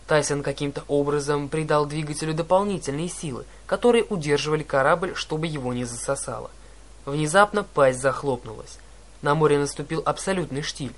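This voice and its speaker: A man reading a first-person adventure story aloud, with dramatic, animated narration. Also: fairly high pitch, fairly quick. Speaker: audiobook narrator.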